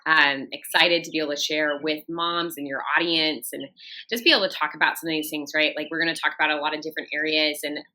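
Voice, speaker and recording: A woman's voice: low voice, fairly even intonation, fast, bright, forceful tone, poor audio. A woman in her thirties, raised in Japan, chatting as a podcast guest with many fillers and a storytelling flow. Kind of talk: casual interview talk.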